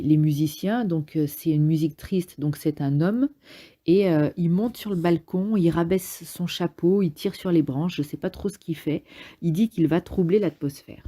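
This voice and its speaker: A woman with a lowish, mellow voice casually summarizes a play out loud. She sounds hesitant, working out her thoughts as she speaks and using lots of fillers.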